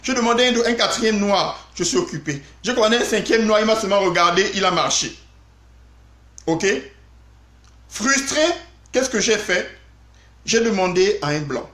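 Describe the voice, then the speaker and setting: A man telling an animated story on a live stream, talking straight to his viewers. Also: sits high, normal speed, long pauses, reverberant. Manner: animated, addresses viewers directly.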